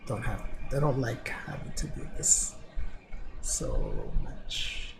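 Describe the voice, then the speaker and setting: A man chatting casually over a video game he is streaming, hesitant and rambling with plenty of fillers. His voice is gravelly with fry, and he talks slowly into a streaming microphone. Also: fairly low pitch, huge pitch swings, noisy background. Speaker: let's play streamer.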